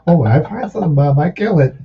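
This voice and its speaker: A man telling stories in a casual podcast chat, excitable and full of swearing. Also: fairly high pitch, quick pace, breathy edge. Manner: profane, excitable storyteller. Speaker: podcast guest. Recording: muffled lo-fi podcast audio.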